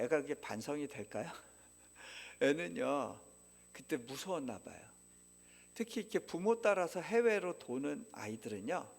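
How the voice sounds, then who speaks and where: A man's voice: a little high, creaky. A middle-aged man, a missionary, telling a personal story in a sermon and asking the congregation questions. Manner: lively, asks the audience questions. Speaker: missionary speaker. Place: church sanctuary. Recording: long reverb of a church hall.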